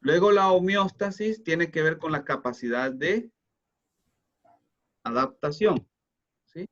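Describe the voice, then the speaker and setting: A middle-aged man teaching a class over a call, in a fairly high voice. He explains patiently, checks understanding with frequent tag questions, and the audio comes through a little dull and lo-fi. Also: takes it slowly, fairly bright tone. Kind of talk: online lecture.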